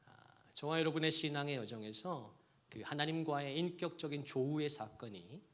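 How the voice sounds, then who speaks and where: Bright-voiced Korean man preaching a sermon. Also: a little high, normal speed. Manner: swings between hushed quoting and loud emphatic preaching. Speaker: pastor.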